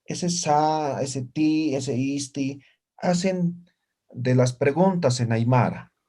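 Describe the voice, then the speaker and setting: During a live online language class on a video call, a man with a slightly high, mellow voice teaches patiently. He pronounces words slowly and frequently checks that his students are keeping up.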